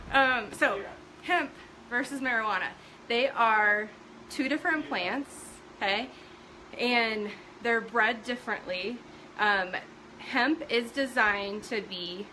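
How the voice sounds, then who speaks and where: Chatty host, middle-aged woman with a bright voice, easygoing live-stream explainer talk. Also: a little high, a little slow, slight background noise, low-quality recording. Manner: chatty, greets viewers by name, many fillers. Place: at home.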